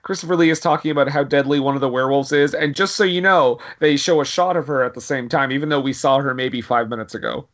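A man's voice: medium pitch, fast, hardly any pauses, fairly bright tone. A man hosting a casual movie podcast, joking and rambling with restarts. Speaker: podcast host. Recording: dull lo-fi sound.

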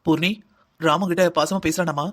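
A man's voice: a little high, steady tone, normal speed, a bit bright, natural voice. A man voicing a bossy, emotional middle-aged mother-in-law in a cartoon drama, scolding and pleading. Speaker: voice actor.

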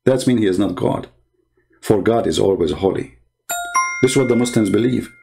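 A man's voice: fairly low pitch, moderate pace, vocal fry. A man hosting a channel and giving polemical commentary in non-native English, mocking and sarcastic, trading insults. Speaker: channel host and religious debater.

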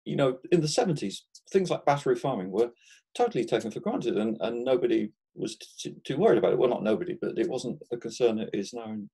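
This guest, a market gardener from England in his sixties, talks in a relaxed, conversational manner with a mellow, warm, mid-pitched voice that is expressive, fast and slightly rough. Soft laughs fall between his thoughts, and he frequently starts his sentences over.

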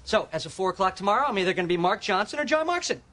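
A man's voice: sits high, big pitch swings, rapid-fire, bright, forceful tone, heavily acted. An actor playing a sarcastic, wisecracking young man in a sitcom, with dry, stressed punchlines. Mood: earnest. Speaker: sitcom character. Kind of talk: sitcom acting. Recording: noisy TV audio with laugh track.

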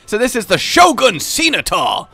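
An excitable man teasing his way through casual gameplay banter. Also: high-pitched, moderate pace, creaky, raised voice. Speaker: gaming video host. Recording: music behind the voice. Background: game music.

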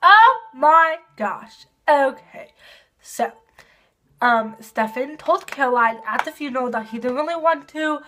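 A woman doing a casual video review of a TV episode, gushing and excitable, with lots of fillers. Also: high-pitched, measured pace.

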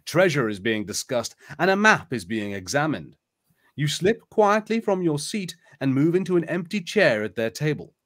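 A man hosting a live stream, switching between casual chat and expressive storybook read-aloud narration. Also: a little high, moderate pace. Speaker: host of a live gamebook stream.

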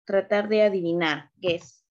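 A woman teacher running an online beginner English class, slow and patient, switching between English and Spanish. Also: medium pitch, fairly even intonation, highs cut off.

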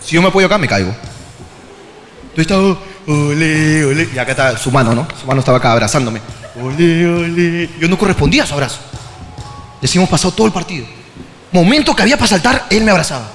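A Peruvian-accented man hosts a comedy show, telling stories in an animated, foul-mouthed way and breaking into shouts. His voice is high and bright, with a long reverb tail and a faint hiss behind it. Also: racing, long pauses, faint music behind. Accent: Peruvian Spanish. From Peru. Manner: animated, profane, bursts into shouting. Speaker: comedy podcast host. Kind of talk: comic storytelling.

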